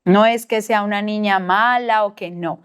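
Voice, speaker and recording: A woman's voice: medium pitch, moderate pace, clear, resonant tone. A Colombian woman teaching a church parenting class, telling a family story and acting out the voices in it. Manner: lively storyteller who acts out the voices in her story.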